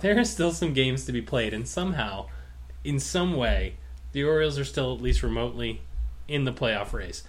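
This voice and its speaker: A man's voice: mid-range voice, expressive, moderate pace. Argumentative man on a sports talk show. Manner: argumentative, plays devil's advocate. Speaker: co-host.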